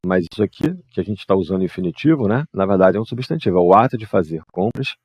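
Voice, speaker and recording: Guy teaching english grammar, lowish voice, dry close sound, reads examples out slow. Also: animated, darkish tone, husky, no room sound. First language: Portuguese. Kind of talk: explaining grammar exercises.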